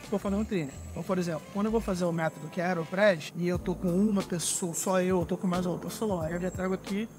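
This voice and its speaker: A Brazilian man in his thirties, a barista, explaining his trail coffee gear in a relaxed, hands-on way outdoors in a forest. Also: sits high, fast talker, hardly any pauses, over music. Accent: Brazilian Portuguese. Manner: relaxed, explanatory, handles gear while talking. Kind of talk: casual outdoor demonstration.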